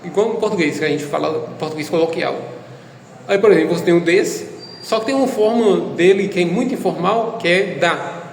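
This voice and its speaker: In a casual video lesson, a male Japanese language teacher with a high voice explains things step by step, fairly quickly and with hesitant fillers. The low-quality recording is reverberant, made in a large hall with slight background noise.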